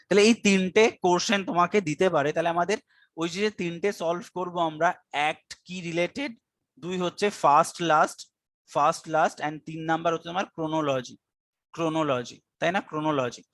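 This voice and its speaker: A man's voice: a little high, fairly even intonation, fairly quick, a bit bright, no echo. A male teacher giving an online exam-prep lecture, mixing English terms into his speech, repeating a memory chant again and again and calling on students by name to recite it. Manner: drills a memory chant over and over.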